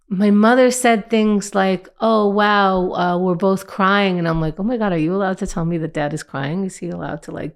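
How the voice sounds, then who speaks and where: Reflective woman, slightly low voice. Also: vocal fry. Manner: reflective, halting, with many restarts and fillers. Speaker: vlogger. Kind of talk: personal storytelling to camera.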